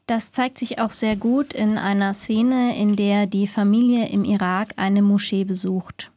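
A woman moderating a radio book show in a smooth, scripted manner. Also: medium pitch, fairly even intonation, unhurried, dark tone. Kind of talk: scripted presentation.

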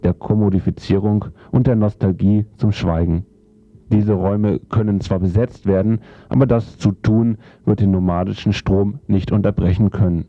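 A man with a fairly low-pitched voice reads a theoretical essay from a script, narrating in a formal, declarative manner. The dry recording has a dull, lo-fi sound.

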